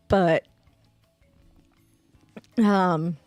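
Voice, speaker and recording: A woman streamer telling a story slowly and casually, with laughs and imitated squeak sounds, from home at a desk mic. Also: darkish tone, no room sound.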